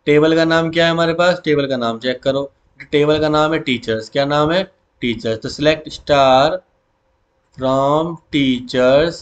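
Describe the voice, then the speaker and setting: A male teacher with a slightly high voice leads an exam revision lesson, addressing students as "beta" and echoing key words back as questions. He reads English SQL commands slowly, one word at a time, and the audio sounds dull.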